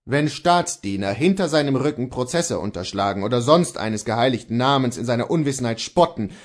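A man's voice: mid-range voice, expressive, brisk, natural voice. A man reading the part of a stern, indignant male church reformer, scolding in thundering rebukes. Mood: indignant wrath.

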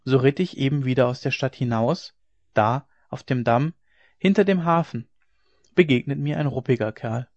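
A man voicing an earnest young male dike master who speaks with firm, warm assurance, on a dry, dull lo-fi recording. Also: medium pitch, moderate pace, no echo, close to an everyday voice. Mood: recounting.

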